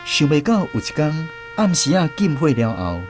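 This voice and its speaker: An actor with a Taiwanese accent narrates a radio drama as a man looking back on his army days, telling it in a reflective, storytelling manner. His fairly high voice swings widely in pitch at a normal speed, with music behind it.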